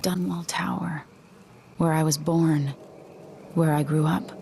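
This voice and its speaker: A woman playing a resolute young empress in a video game, in a hushed, breathy, determined voice. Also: deep voice, steady tone, slow, noisy background, exaggerated voice. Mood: somber. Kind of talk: hushed dramatic game acting.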